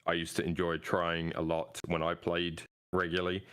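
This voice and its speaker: A man's voice: low-pitched, completely flat delivery, normal speed, fairly bright tone, smooth. A man co-hosting a casual football podcast, easygoing, with stammering restarts.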